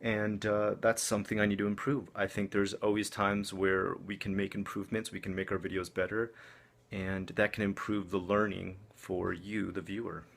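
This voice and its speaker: A man giving a casual vlog update in a conversational, rambling, self-deprecating way, with a creaky low voice. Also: level tone, moderate pace, a bit bright. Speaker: vlogger.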